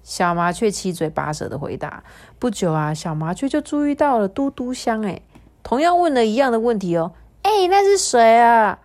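A mother reading a storybook aloud to her child, animated and coaxing, pausing to ask questions. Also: mid-range voice.

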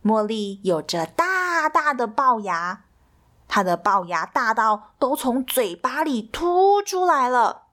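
A woman reading a picture book aloud to children in a gentle, expressive storytelling manner. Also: fairly high pitch, slow pace.

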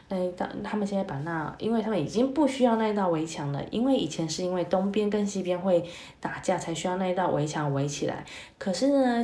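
Woman storyteller for kids, gentle sing-song read-aloud, mellow voice, echoey room. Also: mid-range voice. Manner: gentle, sing-song, many soft fillers. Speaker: storyteller for children.

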